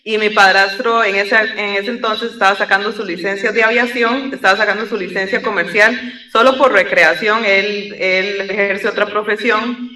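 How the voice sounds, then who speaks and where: A young adult woman from Costa Rica with a Costa Rican accent, an airline pilot telling her story in a relaxed, reflective way with many fillers. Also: medium pitch. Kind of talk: conversational storytelling interview. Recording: roomy echo, distant from the mic.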